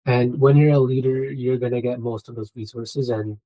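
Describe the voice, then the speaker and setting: Encouraging male student, mellow tone. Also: medium pitch, steady tone, normal speed, poor audio. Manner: encouraging, motivational. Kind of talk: interview answer giving advice.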